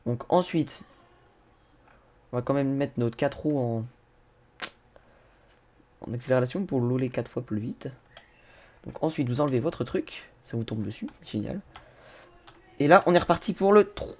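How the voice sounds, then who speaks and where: A man's voice: medium pitch, expressive, unhurried, long pauses, darkish tone. A man giving casual game tutorial commentary, talking straight to his viewers and laughing and swearing at his own mishaps. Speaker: gaming YouTuber.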